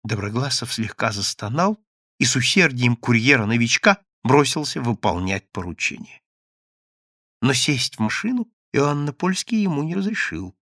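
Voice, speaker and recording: A man narrating a classic novel as an audiobook reader, lively and expressive. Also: medium pitch, normal speed, no echo, studio quality.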